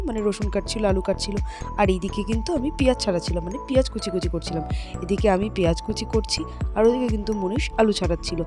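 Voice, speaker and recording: A young woman with a Bengali accent, chatting directly to her viewers in a casual travel vlog. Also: medium pitch. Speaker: travel vlogger.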